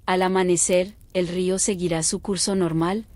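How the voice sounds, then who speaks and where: A woman narrating a scripted bedtime story slowly, in a quiet, calm, unhurried night-time manner. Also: on the low side, no echo.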